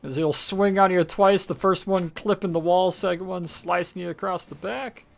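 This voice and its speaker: A man narrating as game master, animated and laughing often as he counts out rolls and moves. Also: sits high, normal speed, gravelly.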